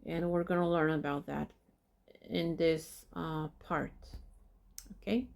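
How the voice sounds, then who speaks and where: A woman hosts a podcast, talking slowly through a documentary in a casual, hesitant way. Her voice is lowish and gravelly with vocal fry. She drops in the odd dry, sarcastic aside. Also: flat delivery, a little mellow. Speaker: podcast host.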